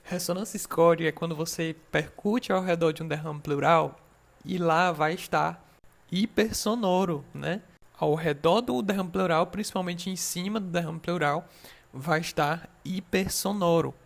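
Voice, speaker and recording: A man's voice: fairly high pitch, normal speed, creaky. A young Brazilian man giving a recorded medical lecture, explaining patiently and often checking that students are following. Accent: Brazilian Portuguese. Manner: explanatory, reassuring, frequent check-ins with students.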